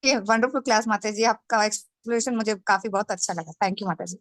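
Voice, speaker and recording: Woman, class participant, polite, grateful, middle pitch, dry recording. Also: fairly quick, no room sound.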